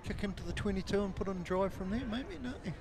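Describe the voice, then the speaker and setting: A man with a New Zealand accent giving dry, measured remarks as co-commentator at a live rugby match. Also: sits high. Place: outdoor rugby ground. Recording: crowd noise behind.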